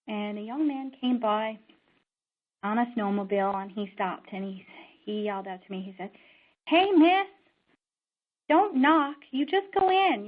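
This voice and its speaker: A middle-aged woman from Newfoundland and Labrador, a social worker giving an instructional talk in an earnest, conversational way, often pausing on "um". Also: mid-range voice. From Newfoundland and Labrador, Canada. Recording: narrow, tinny phone-like sound.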